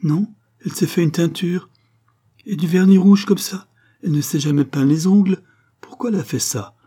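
A man voicing a grief-stricken mother who laments in a high, pleading voice. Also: moderate pace, mellow, breathy edge. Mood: bewildered.

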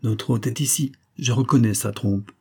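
A man's voice: medium pitch, moderate pace, a little mellow, slightly rough. A man reading the lines of a proud French count who speaks formally and courteously. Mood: courtly. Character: French nobleman count, proud, startled hunter.

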